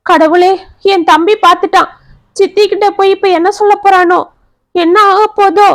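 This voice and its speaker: A woman's voice: very high-pitched, moderate pace, no room sound, voice pushed up. A woman storyteller voicing a timid, frightened young woman in a family story. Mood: fearful. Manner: fearful, anxious.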